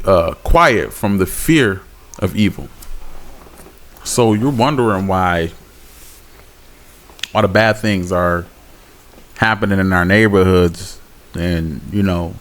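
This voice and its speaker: Blunt, fired-up street preacher man. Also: lowish voice. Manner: slow measured reading, then fired-up exhortation; blunt, scolding, slangy. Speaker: street Bible teacher. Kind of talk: scripture reading with preaching commentary.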